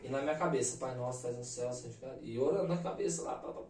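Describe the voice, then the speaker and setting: A Brazilian man in his thirties, a podcast guest, telling a personal story in an animated, emphatic way full of slang fillers. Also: medium pitch, rapid-fire. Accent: Brazilian Portuguese. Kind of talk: casual storytelling. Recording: roomy echo, mic at a distance.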